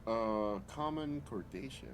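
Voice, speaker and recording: A man's voice: lowish voice, expressive, a little slow, a little hiss or hum. A man playing a tabletop role-playing game, improvising narration of what his character does.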